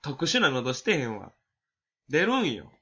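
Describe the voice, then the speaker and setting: A man with a Kansai accent co-hosting a casual comedic podcast chat, animated and given to loud emphatic bursts. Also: mid-range voice, measured pace, breathy edge. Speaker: podcast co-host. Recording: dull lo-fi podcast audio.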